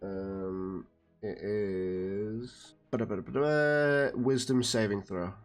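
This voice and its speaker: A man's voice: on the low side, steady tone, slow pace, faint music behind. A man playing a tabletop game, describing his actions casually. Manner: casual, matter-of-fact. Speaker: player.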